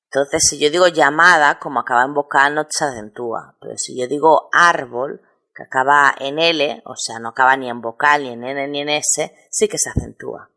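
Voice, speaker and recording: Low voiced lady teacher, patient, spells out syllables slow. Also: pushed and bright. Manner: patient, explains step by step and spells out syllables slowly. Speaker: Spanish teacher. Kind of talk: recorded lesson on spelling rules.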